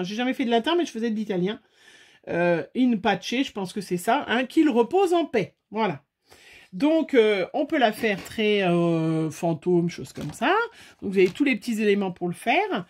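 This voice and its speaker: A woman's voice: fairly high pitch, darkish tone. A woman hosting a casual crafting tutorial, chatty and full of fillers, talking straight to her viewers. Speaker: craft video host.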